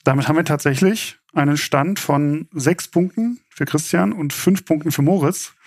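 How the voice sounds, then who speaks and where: Higher-pitched man hosting a casual quiz. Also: normal speed, no room sound, clean studio sound. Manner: informal game show host, chuckling and explanatory. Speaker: quiz show host. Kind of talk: casual game show hosting.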